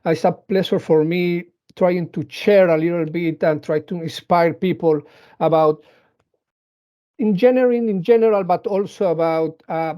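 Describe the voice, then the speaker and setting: A slightly high, mellow male voice delivers an educational talk to school pupils from the perspective of a robotics engineer. He comes from Venezuela and Colombia, is a native Spanish speaker with a Latin American accent, and speaks haltingly with plenty of fillers and restarts.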